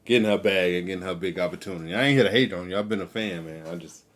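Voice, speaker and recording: A young man co-hosting a casual chat, easygoing and agreeable, often trailing off softly. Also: deep voice, rapid-fire. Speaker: podcast co-host.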